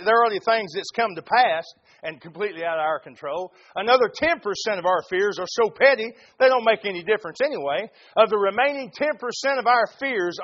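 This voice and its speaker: A man's voice: high voice, fairly bright tone. A man with a Southern US accent preaching a church sermon as a pastor, in an emphatic, folksy way. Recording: muffled, lo-fi sermon recording.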